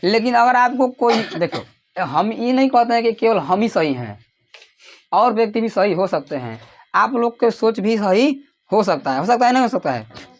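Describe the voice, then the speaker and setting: A man with a Bihari Hindi accent teaching a class, calling out questions for the students to answer together and sometimes raising his voice almost to a shout. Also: high voice, animated, moderate pace. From Bihar, India. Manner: raises his voice to a near shout at times. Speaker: coaching teacher.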